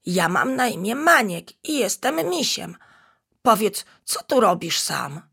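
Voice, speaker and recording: A woman voicing a small, curious, brave bear cub boy in a whispered role-play, soft, childlike and earnest. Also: mid-range voice, big pitch swings, slow, creaky, breathy edge, voice pushed up, full character voice. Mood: friendly.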